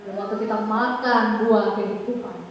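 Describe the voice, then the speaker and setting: A woman's voice: on the high side, steady tone, moderate pace. A woman preaching a sermon in a church, emphatic and repetitive, asking the congregation questions. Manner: emphatic, repeats phrases, asks the congregation questions. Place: large church hall. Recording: very echoey church hall, faint noise.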